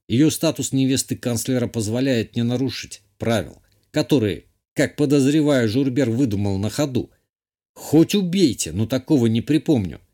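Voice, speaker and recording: A man narrating an audiobook in the first person, with a steady, even delivery. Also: medium pitch.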